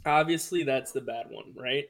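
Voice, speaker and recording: A man's voice: mid-range voice, moderate pace, background noise. Joking young man on a podcast. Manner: joking, swearing, laughs often. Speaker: podcast co-host. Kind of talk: casual chat.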